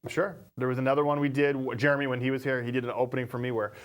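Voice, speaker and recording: A man's voice: medium pitch, flat delivery, very fast, smooth. A man co-hosting a local talk show, chatting casually, teasing and laughing often as he talks to viewers. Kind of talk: casual chat.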